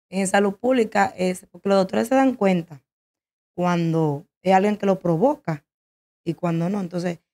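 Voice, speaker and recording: Give me a woman guest giving an emotional, stop-and-start personal testimony at an average pitch. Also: darkish tone. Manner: halting, emotional, with many restarts.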